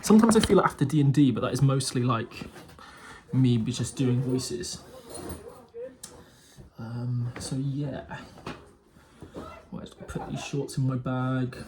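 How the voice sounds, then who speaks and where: Unhurried and prone to long pauses, this medium-pitched man in his twenties vlogs casually on a handheld phone at his grandparents' house and garden. He rambles and restarts his sentences, with background noise audible.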